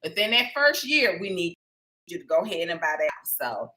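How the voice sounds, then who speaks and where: Casting: bright-voiced woman, realtor hosting a livestream, chatty and promotional. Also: fairly low pitch, very animated, normal speed, low-quality recording. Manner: chatty and promotional, with southern "y'all". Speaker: real estate agent hosting a weekly live stream. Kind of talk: casual live-stream talk to viewers.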